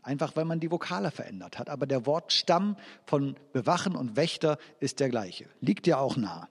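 A male pastor giving a sermon, explaining things step by step, reading scripture slowly, and restarting his phrases as he goes. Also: mid-range voice, animated, slightly rough, long reverb tail.

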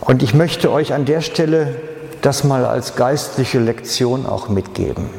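A man's voice: medium pitch, steady tone, unhurried, creaky, darkish tone, slight background noise. A male pastor, preaching a sermon with dramatic storytelling. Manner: dramatic storytelling, acting out voices. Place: church hall. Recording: echoey reverberant church hall.

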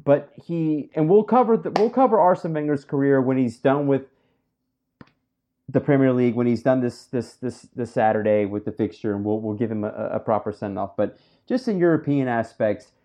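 A man's voice: mid-range voice, normal speed. Man, podcast host, casual football talk, blunt, emphatic, lo-fi sound. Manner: blunt and emphatic, swears freely. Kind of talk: casual sports chat.

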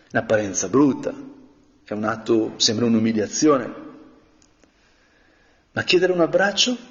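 A man giving a reflective spoken meditation as a preacher, talking slowly and thoughtfully with frequent pauses. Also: medium pitch. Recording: dull, reverberant audio.

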